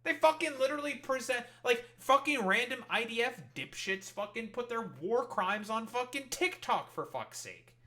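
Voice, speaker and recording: A man's voice: very high voice, animated, normal speed, few pauses, pushed and bright. A man streaming and reacting to clips, talking in a heated, sarcastic, swear-filled rant. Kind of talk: profane rant commentary.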